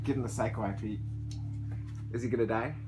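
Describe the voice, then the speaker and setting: A man's voice: mid-range voice, fairly even intonation, quick pace, music in the background. A man filming a casual road-trip vlog with his son, chatty and joking, talking into a handheld phone camera. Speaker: father vlogging a road trip.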